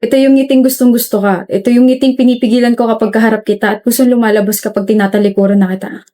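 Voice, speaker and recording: A woman's voice: fairly high pitch, steady tone, rapid-fire, dark tone, close to an everyday voice. A young woman playing a reserved young male college student who speaks bluntly and matter-of-factly in a skit. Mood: calm. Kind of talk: skit role-play.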